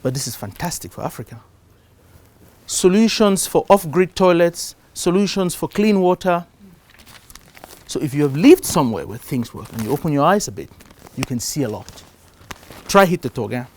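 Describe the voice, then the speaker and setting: A middle-aged man from Cameroon giving a live talk to a conference audience. He gets louder to stress his points, then drops down again. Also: a little high, normal speed. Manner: animated, shifts loudness for emphasis. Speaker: conference speaker. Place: conference stage before an audience.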